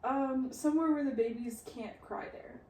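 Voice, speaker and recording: A woman's voice: sits high, normal speed, mellow, far from the mic. Laid-back woman, slightly off mic. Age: late 20s. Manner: laid-back, laughs often. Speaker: podcast co-host. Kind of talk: casual chat. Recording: echoey room, a bit off mic.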